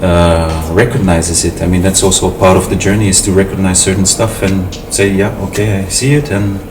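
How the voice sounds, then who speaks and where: A Samoan man in his thirties, hosting family at his city home, talks in casual conversation as an interviewee. His deep, steady voice moves fairly quickly, yet he sounds thoughtful and hesitant, full of fillers and restarts. The distant mic captures a roomy sound with noticeable noise.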